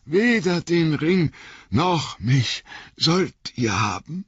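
A man voicing a frightened young male hobbit who shouts thin, shrill defiance at his pursuers in an audiobook reading. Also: steady tone, extremely slow, no room sound, dull audio, full character voice. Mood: desperate defiance.

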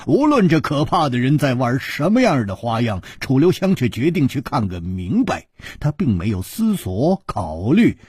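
A man narrating a martial-arts story with an animated, expressive delivery. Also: mid-range voice, slightly rough, dry recording, clean studio sound.

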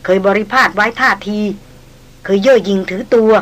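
A woman narrating a novel in an even, measured reading voice. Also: mid-range voice, rough recording. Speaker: audiobook narrator.

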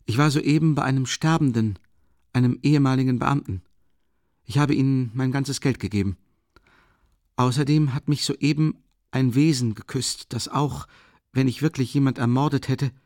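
A man's voice: a little mellow, no room sound, studio quality, lightly acted. Raskolnikov, a man voicing a feverish, faint young man. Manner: halting, strained, rising in pitch. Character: feverish, weak young man, agitated and distraught. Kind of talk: audiobook character reading.

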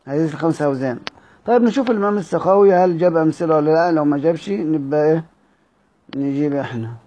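An Egyptian male teacher with a fairly high, dark voice explains a classical Arabic text in a colloquial Egyptian lesson mixed with classical quotations. His accent is Egyptian Arabic. He chants quoted verse slowly and drawn out, adds brisk asides, and quizzes himself aloud, asking and answering his own questions.

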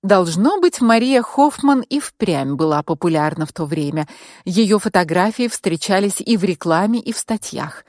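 A woman's voice: fairly low pitch, animated, moderate pace, a little mellow, no echo. Woman narrating an audiobook, dry close sound. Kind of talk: first-person audiobook narration.

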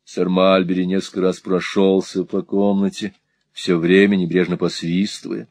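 A man narrating a classic novel as an audiobook, with measured and dramatic storytelling. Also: deep voice, level tone, darkish tone, dry recording.

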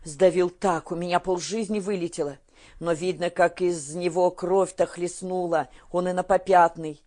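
A woman voicing a brave but emotional young woman in an audiobook, her own low voice lightly lifted. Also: fairly even intonation, moderate pace, warm tone, lightly acted. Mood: shaken. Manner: tearful, pleading.

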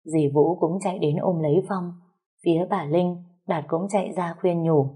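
A woman narrates a first-person drama with an emotional, dramatic reading. Her voice is husky and dark, sitting a little low. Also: steady tone, moderate pace.

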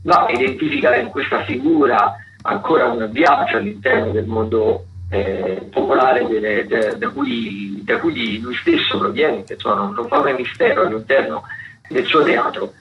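Very animated and a bit creaky, this mid-range male voice moves at normal speed as he reads theatre listings on air. His delivery is semi-improvised and halting, with frequent repeated words. It's a muffled, noisy community radio recording.

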